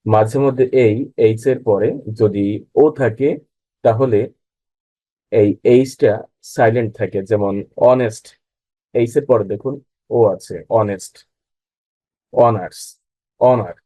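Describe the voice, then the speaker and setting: A man teaching English pronunciation in a slow lesson. He reads example words one at a time and then explains how each sound is said. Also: on the low side, steady tone, dark tone, dry recording, rough recording.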